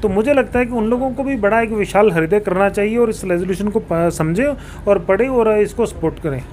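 A reporter holds a handheld mic toward a man on a sofa in a small indoor office, where background room noise comes through clearly. Speaking formally as a local politician, he explains his points with English terms sprinkled in, his high, slightly mellow voice moving fairly quickly.

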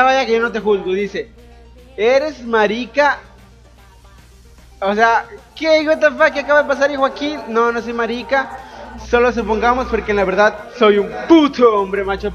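A man's voice: high voice, a bit bright, dull audio. A young man from Ecuador, a YouTuber answering viewer questions in a boisterous, crude, joking way with lots of swearing. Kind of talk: casual Q&A voice-over over gameplay.

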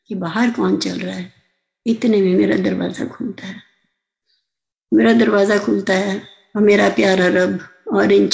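Older woman with a gravelly voice, earnest. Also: medium pitch, darkish tone, poor audio. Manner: earnest, addresses the listeners as sangat ji again and again. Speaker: satsang speaker. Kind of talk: devotional testimony on a video call.

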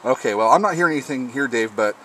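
A man testing his ham radio rig outdoors at a patio table next to a lawn talks casually in an expressive, quick, mid-range voice with a fairly bright tone. The recording is rough. Faint background noise comes through from outside.

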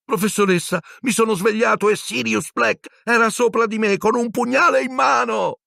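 A man's voice: sits high, normal speed, gravelly, slightly rough, no room sound, studio quality, voice pushed up, exaggerated voice. A man voicing a panicked teenage boy. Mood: frightened, insistent. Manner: panicked, insistent, shouting. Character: frightened teenage boy wizard.

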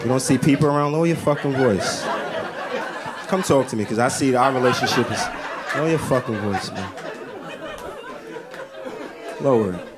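A man voicing a guarded, stingy man who lays down strict rules for sharing gum, in a bossy, low, firm way. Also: moderate pace, pauses often, over a noisy crowd, natural voice.

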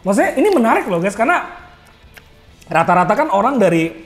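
Young man, high voice, casual mukbang host, chatty. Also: big pitch swings, fast talker, faint music behind. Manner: chatty, promotional, calls audience guys. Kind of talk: casual chat while eating.

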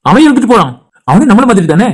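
A man's voice: sits high, big pitch swings, rapid-fire. A man voicing a short-tempered, protective older brother in a cartoon, blunt and irritated. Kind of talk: cartoon voice acting.

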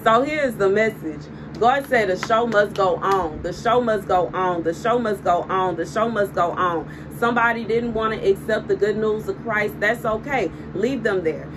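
Speaking to a phone camera on a desk in an indoor room in front of window blinds, a woman with a Southern country accent hosts a casual spoken prophetic message. She gestures as she talks emphatically and repetitively in a mid-range voice at normal speed, hardly pausing. A clear background hum and room noise sit under her voice.

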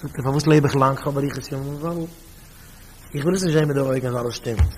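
Emphatic Yiddish-accented rabbi preaching. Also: male voice, medium pitch, quick pace, a little hiss or hum, rough recording. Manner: storytelling, repeats phrases, rises to emphatic bursts. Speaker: rabbi giving a talk.

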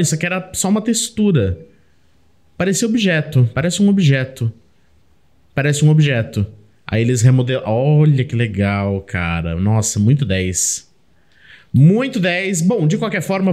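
A young man with a Brazilian Portuguese accent giving casual, chatty, excitable commentary while playing a video game, often talking to the character on screen. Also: mid-range voice. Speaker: gameplay commentator. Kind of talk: casual let's play commentary.

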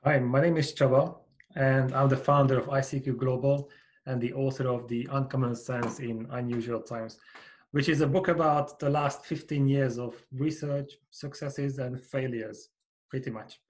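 A man in his forties from Hungary with a Hungarian accent, speaking as a guest on a podcast over a video call, earnest and measured as he explains his ideas. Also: medium pitch, fairly even intonation, a little hiss or hum. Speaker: company founder, guest. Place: small home office with bookshelves. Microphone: over-ear headset with boom mic.

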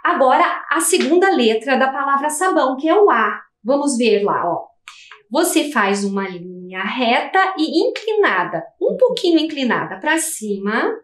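Brazilian woman teacher, high and lively voice, patient step-by-step explaining, echoey room. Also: moderate pace. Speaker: primary school teacher. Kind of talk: televised lesson for young children.

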